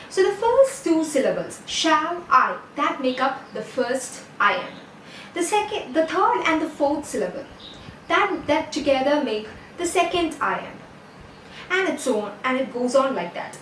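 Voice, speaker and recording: A woman's voice: high voice, slight background noise. A woman with an Indian English accent explaining poetry as a lecturer, asking the listener questions and then answering them herself. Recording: roomy echo, distant mic, faint ambience.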